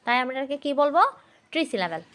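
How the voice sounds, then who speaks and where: A woman teacher gives a grammar lesson. She spells words out letter by letter, asks questions and answers them herself, and reads English sentences slowly before explaining them. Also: high-pitched, sing-song, a bit bright.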